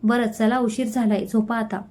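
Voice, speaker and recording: An earnest, caring young man in a storybook reading, read out by a woman. He sounds worried and a little cross with his friends, speaking in a fairly high voice. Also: flat delivery, moderate pace, a little mellow, natural voice. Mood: concerned.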